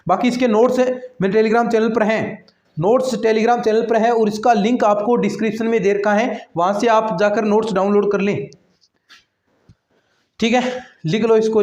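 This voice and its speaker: A high-pitched male maths teacher walks his online students through a method step by step, often repeating himself. His voice rings in an echoey room on a dull, lo-fi recording. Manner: repetitive step-by-step explaining, addressing students directly. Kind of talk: online exam-prep lecture.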